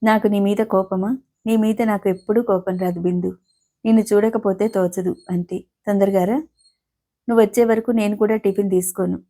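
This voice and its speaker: A woman voicing a calm, witty, affectionate elder-sister figure who speaks softly and teases gently. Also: mid-range voice, moderate pace, natural voice. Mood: gentle teasing. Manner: soft, gently teasing.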